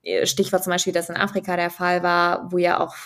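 Young woman guest explaining finance stuff, lowish steady voice, lots of ums and restarts. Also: a little fast. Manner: thoughtful, many fillers and restarts, explanatory. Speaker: guest, finance and crypto expert. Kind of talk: conversational podcast interview.

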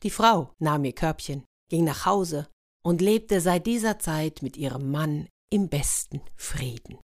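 A woman telling a fairy tale in a lively way, turning to her listeners with questions. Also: low-pitched, measured pace. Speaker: storyteller.

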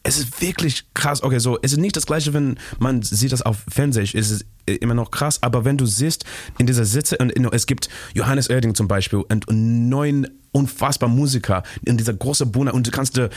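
A Shona-speaking musician from Zimbabwe, with a mid-range, slightly dark voice, answers interview questions in learner German mixed with English. He halts and searches for words, restarting often and laughing a lot, on a dry recording.

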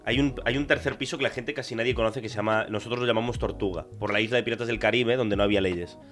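A young man co-hosting a casual chat, speaking loudly and emphatically as he tells rapid stories. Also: lowish voice, steady tone, soft background music. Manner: loud, emphatic, rapid storytelling. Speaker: podcast co-host.

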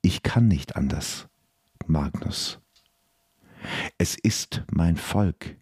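A man's voice: deep voice, expressive, very slow, a little mellow, husky, dry recording, clean studio sound, exaggerated voice. A man voicing a distraught young elf woman who speaks with urgent resolve. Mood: resolute.

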